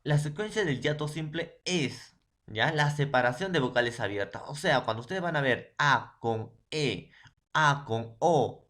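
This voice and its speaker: A man's voice: fairly high pitch, fairly bright tone. A man from Peru teaching a secondary school language lesson, sounding out words syllable by syllable and asking his students "ya?" and "no?" to check they follow. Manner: slow, syllable-by-syllable spelling out of words, with frequent "¿ya?" and "¿no?" checks; poses questions and answers them himself. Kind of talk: classroom lesson.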